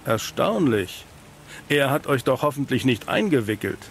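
In a German dub of a fantasy video game, a male actor voices a world-weary, cynical private detective with a dry noir drawl, sounding businesslike and suspicious. His medium-pitched delivery is very animated at a normal speed, with slight background noise.

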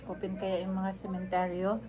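A woman's voice: mid-range voice, monotone, brisk, a crowd in the background. Filipina woman talking with mouth full. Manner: chatty, mixing Tagalog and English between bites. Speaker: mukbang vlogger. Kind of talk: casual chat while eating on camera.

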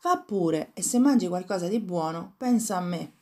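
A woman's voice: on the low side, expressive, moderate pace, darkish tone, close to an everyday voice. A woman voicing a small, trusting male mouse in a fairy tale reading, with a raised, wondering voice. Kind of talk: storybook reading.

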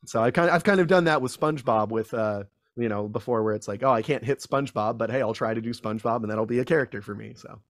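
Talking fast with hardly a pause, a young man who's a guest voice actor rambles through a casual interview on a video call, full of restarts and self-deprecating chatter. He's in a small room at home on a studio mic, his medium-pitched voice dry, close and echo-free.

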